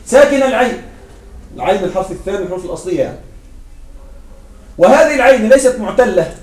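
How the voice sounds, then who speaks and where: High-voiced man teaching grammar, echoey room. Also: expressive, racing, a little mellow, distant mic. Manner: explains step by step, often checks understanding with short questions. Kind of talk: classroom grammar lecture.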